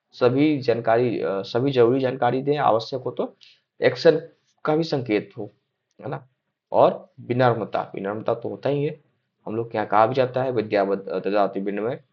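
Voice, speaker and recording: A man's voice: medium pitch, darkish tone. A young man giving an exam-prep lecture, reading points aloud and checking in often with his listeners, with some hesitant fillers. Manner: repeats check-in tags like "है ना?" and "ठीक है?". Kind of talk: explanatory lecture. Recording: slightly dull lo-fi sound.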